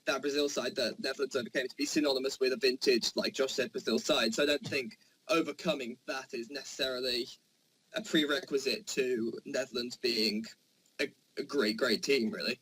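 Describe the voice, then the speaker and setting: A man's voice: medium pitch, fairly even intonation, brisk, a bit bright, a little hiss or hum, poor audio. A young man in a casual football debate, talking in a loose, rambling way. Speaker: podcast debater.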